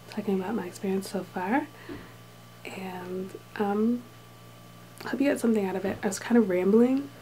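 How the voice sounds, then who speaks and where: A woman talking softly and half-whispering in a casual vlog, recorded in a small room with thin walls. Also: medium pitch, a little hiss or hum, rough recording. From United States. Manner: talks softly and hushed, drifting into whispers. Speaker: vlogger, English teacher abroad.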